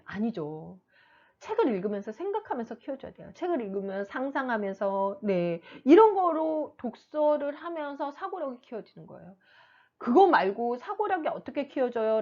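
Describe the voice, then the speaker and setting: A middle-aged woman teacher giving parents casual advice, animated and acting out kids and mothers in quick asides. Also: fairly high pitch, dull audio. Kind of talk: casual explanatory talk to parents.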